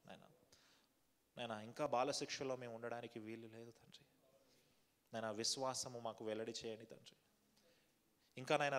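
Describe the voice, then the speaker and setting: Man preaching in a reverberant church hall. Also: mid-range voice. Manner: earnest preaching, rhetorical questions to the congregation; repetitive fervent prayer cadence. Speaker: pastor. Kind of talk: sermon with congregational prayer.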